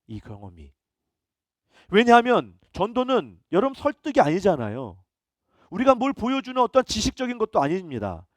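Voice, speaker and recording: Male pastor, middle-aged, emphatic sermon delivery, high and animated, dry close recording. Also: moderate pace, no echo. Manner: emphatic preaching with rhetorical questions.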